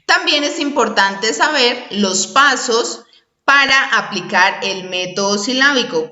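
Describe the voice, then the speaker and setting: A woman instructor explains a lesson at an unhurried pace, often pausing to check in and sounding out syllables one by one. Her voice is bright and clear. The recording is muffled and carries noticeable room echo. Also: mid-range voice. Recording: dull echoey room recording.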